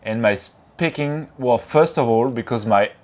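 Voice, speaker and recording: A man's voice: mid-range voice, a little slow, a little mellow. A man with a French accent, a native French speaker, talking as a guest in a casual interview, friendly with simple phrasing. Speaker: guest, YouTuber.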